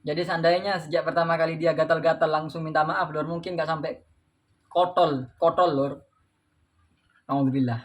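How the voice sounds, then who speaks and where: A man's voice: a little high, steady tone, quick pace. A man preaching in a casual, folksy way with a light flavor, telling religious stories and addressing listeners as "Lur" after nearly every phrase. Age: adult father. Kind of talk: casual religious talk and storytelling.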